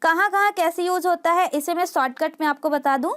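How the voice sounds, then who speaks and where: A woman's voice: very high voice, a little fast, fairly bright tone. A woman teaching English phonics to parents, spelling out letters and sounding out words one by one. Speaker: home tutor teaching English reading.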